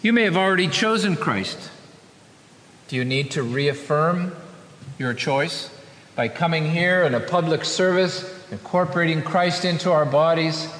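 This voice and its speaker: Pastor guy preaching, kinda high voice, big echoey church sound, slows way down on the bible quotes. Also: a bit bright. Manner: earnest preaching, rising emphasis on key phrases, drawn-out quotations. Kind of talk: sermon.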